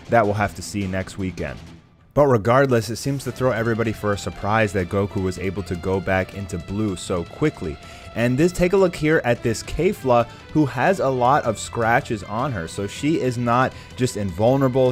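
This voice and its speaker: A man giving casual, conversational commentary and speculation to viewers as an online anime commentator. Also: mid-range voice. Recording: music playing behind the voice. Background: background music.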